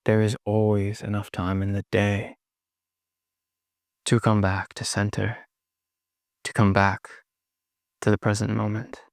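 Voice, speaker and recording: Leading a meditation, a man speaks in short, soothing phrases with long silences between them, his pace very slow. His low voice carries plenty of gravelly fry and stays completely flat, and the studio-quality recording has no room sound.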